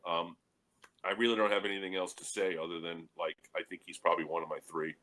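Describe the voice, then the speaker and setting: A man with a low, forceful voice who tells stories on a panel discussion. He chats in a relaxed way and breaks into chuckles between stories. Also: quick pace. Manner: storytelling with chuckles. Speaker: panel guest.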